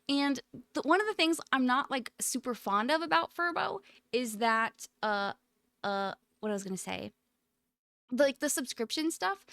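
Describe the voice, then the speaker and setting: A woman with a fairly high voice chats on a livestream, close to the microphone in a dry space. Her talk is informal and rambling, with an affectionate, giggly manner that suits an easygoing chat with viewers. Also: no echo. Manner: giggly, frequently breaking into loud laughter. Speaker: live streamer. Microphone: close USB microphone.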